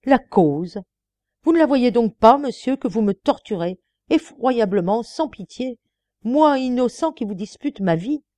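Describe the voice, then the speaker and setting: A woman's voice: mid-range voice, expressive, normal speed, warm tone, no echo, close to an everyday voice. A woman reading the part of a defiant, ironic male murder suspect under questioning. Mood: anguished. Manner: mocking, then indignant pleading.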